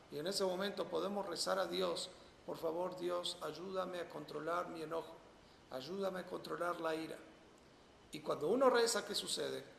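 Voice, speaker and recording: This is a man with a Rioplatense accent teaching a religious lesson, pitched high and heavy with gravelly fry. He keeps asking his listeners questions and answering them himself. The sound is an echoey hall with a long reverb tail and faint noise behind. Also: a bit bright. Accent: Rioplatense Spanish. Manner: poses rhetorical questions, then answers them emphatically. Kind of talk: Torah lesson to a small audience.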